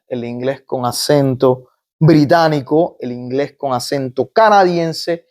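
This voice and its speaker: Interviewed as a migrant doctor, a man from Cuba with a Cuban Spanish accent lays out his points step by step, using examples and often starting phrases over. He has a mid-range, slightly mellow voice.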